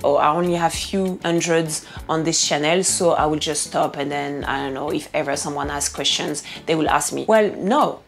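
Low-voiced woman with a French accent. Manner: earnest, encouraging, with frequent restarts. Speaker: fitness and nutrition vlogger. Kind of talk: casual Q&A monologue to camera.

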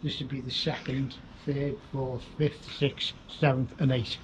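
A man's voice: mid-range voice, little pitch movement, unhurried, breathy edge. An older man with a Northern English accent, guiding a visitor around a church clock tower and explaining it plainly, recorded on a moving camera inside a stone tower. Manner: plain, matter-of-fact explaining, sounds out chimes. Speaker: church clock expert guide. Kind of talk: explaining on a walking tour. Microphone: handheld camera mic, moving. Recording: dull lo-fi camera audio.

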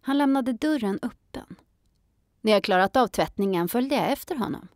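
Calm woman reading a children's story. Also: fairly high pitch, dry recording, studio quality. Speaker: narrator. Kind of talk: children's audiobook narration.

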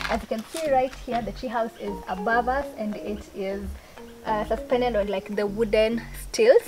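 Girl doing a chatty house tour vlog, bright and bubbly, music playing under her. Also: on the high side. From Kenya. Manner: bubbly, chatty, laughs often. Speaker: vlogger, channel host. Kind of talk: casual travel vlog tour. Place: treehouse holiday rental, partly outdoors.

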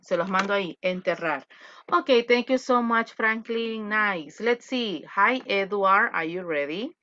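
A woman's voice: mid-range voice, takes it slowly, bright, forceful tone. A woman teaching an English class over a video call, coaching her students affectionately and explaining patiently. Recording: muffled video call audio.

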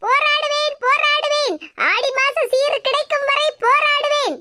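A woman's voice: very high-pitched, moderate pace, bright, forceful tone, a little hiss or hum. A woman voicing a stubborn young married daughter in a cartoon, demanding in a Tirunelveli Tamil accent. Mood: defiant. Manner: defiant and demanding.

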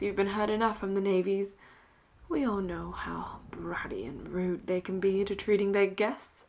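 In an intimate audio roleplay, a woman plays a flirtatious, teasing pirate captain who gives commands and often slips into breathy whispers. Her voice is medium in pitch with a darkish tone.

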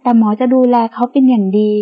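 A woman doing a gentle, firm mother. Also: steady tone, quick pace, lo-fi sound, natural voice. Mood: caring. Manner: gentle but firm, lower and soft. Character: caring, firm middle-aged mother.

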